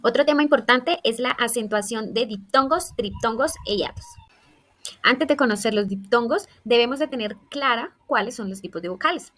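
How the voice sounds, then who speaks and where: Bright, higher-voiced woman teaching children. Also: normal speed. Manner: clear, methodical explaining with listed examples. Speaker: primary school teacher. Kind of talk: scripted grammar lesson for children.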